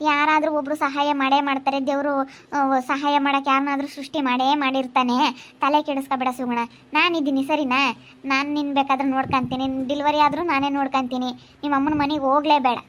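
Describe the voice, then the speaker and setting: Amateur drama role: woman playing a steady comforting friend, firm but soothing, fairly high voice. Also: a little fast. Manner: firm, soothing, scolding gently.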